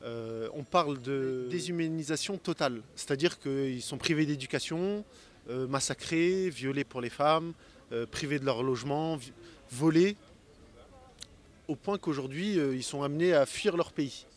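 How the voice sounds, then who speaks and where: A man's voice: a little high, unhurried. A young man doing a street interview outdoors on a city square with a handheld mic, explaining in an earnest way.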